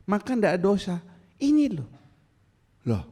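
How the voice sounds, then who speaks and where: A man preaching a sermon as pastor, animated and teasing, acting out angry voices. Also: sits high, slow pace, long reverb tail. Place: church.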